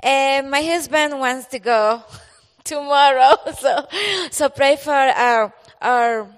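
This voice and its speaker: A woman's voice: high voice, slow pace. A Salvadoran woman, a native Spanish speaker, introducing herself as a missionary to a congregation, shy and giggly. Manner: shy, giggly, laughs between phrases. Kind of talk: church missions presentation. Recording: echoey hall with long reverb.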